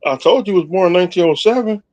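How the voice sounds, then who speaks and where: A man in his fifties in a casual sports chat, speaking haltingly with many fillers. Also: sits high, animated, a little mellow, highs cut off. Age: 50s.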